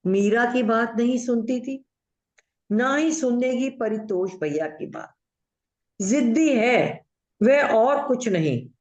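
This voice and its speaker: A woman's voice: on the high side, slow, darkish tone. A woman acting a chatty, bossy middle-aged aunt in a play over a video call, mixing in English while she tells family stories. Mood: gossipy. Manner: mixes Hindi with English, gossipy storytelling. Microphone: video call audio. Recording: echoey room, dull muffled audio.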